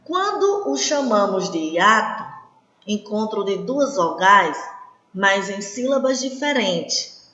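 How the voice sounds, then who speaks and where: Brazilian woman teaching a class real slow, always asking if u got it, dull echoey audio. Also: medium pitch, pushed and bright. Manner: checks in often with short tag questions. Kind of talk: slow, patient classroom explanation. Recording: echoey room, dull lo-fi sound.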